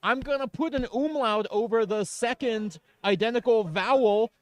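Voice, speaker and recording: A man's voice: very high-pitched, moderate pace, no echo. A man commentating a card game in casual chat, wry and self-deprecating, talking through each play.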